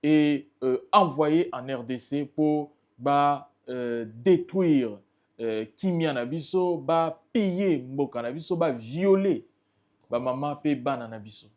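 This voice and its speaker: A man's voice: on the high side, slow, darkish tone. A man with a Congolese French accent, speaking as a political spokesperson in an interview, emphatic and impassioned. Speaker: political party spokesperson, guest.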